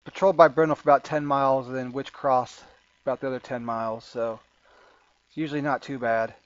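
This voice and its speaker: A man's voice: mid-range voice, steady tone, no room sound, muffled recording. A man narrating a tabletop game as game master, often repeating words as he works things out. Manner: halting, repeats words while thinking.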